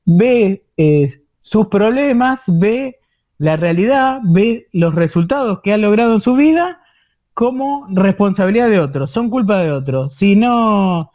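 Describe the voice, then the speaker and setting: Here a man teaches an online course in an Argentine Spanish accent, taking it slow, repeating a lot, and pausing to check in with those listening. His high voice is a little mellow.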